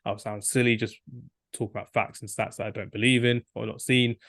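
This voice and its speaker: A man's voice: lowish voice, level tone, a little fast, creaky, fairly bright tone, no room sound, studio quality. A young man co-hosting a football podcast, rambling enthusiastically and acting out quotes. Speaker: podcast co-host. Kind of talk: casual football debate.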